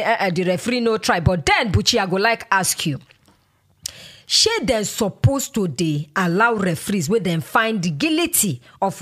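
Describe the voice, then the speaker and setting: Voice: medium pitch, fairly bright tone. A sports show host with a Nigerian accent, presenting and debating football in Nigerian Pidgin.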